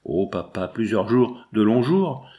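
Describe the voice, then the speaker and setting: A man's voice: fairly low pitch, animated, measured pace, warm tone. A man voicing an anxious young girl who pleads and asks fearful questions in an audiobook. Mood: pleading.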